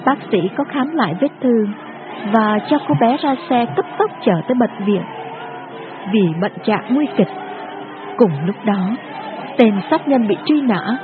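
Woman narrator, grave storybook telling, fairly high voice, tinny sound with music clearly behind.

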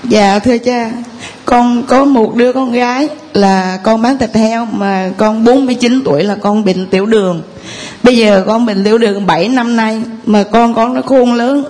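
A woman's voice: a little high, normal speed, darkish tone. A woman, telling a long, rambling, earnest story of faith to a priest in church. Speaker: parishioner giving testimony. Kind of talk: tearful church testimony.

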